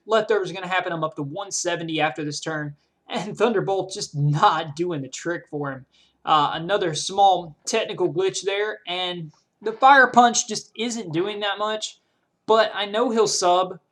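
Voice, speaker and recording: With music playing behind them, a gaming video creator commentates their own battle in a conversational play-by-play, thinking each decision through aloud. The voice is medium in pitch and a bit bright.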